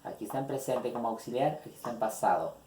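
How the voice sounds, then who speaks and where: A man teaching an English grammar lesson in Spanish, slowly repeating example questions and their translations. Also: mid-range voice, warm tone, slight background noise. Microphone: phone. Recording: echoey room on a phone.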